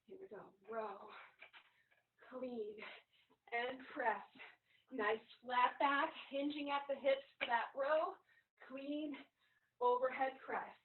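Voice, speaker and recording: A woman's voice: sits high, slow pace, long pauses. A woman fitness instructor leading an online workout class like a halftime pep speech, urging people on in short, encouraging commands. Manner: urgent, encouraging cheerleading with short commands and whoops. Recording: echoey room, far from mic, thin phone-like sound.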